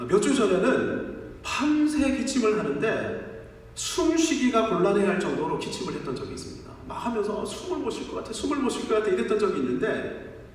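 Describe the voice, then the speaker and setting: A middle-aged man preaching a sermon as pastor, leaning on rhetorical questions to the congregation and a rhythmic, listing cadence. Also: high-pitched. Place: large church sanctuary. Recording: echoey church hall from far off.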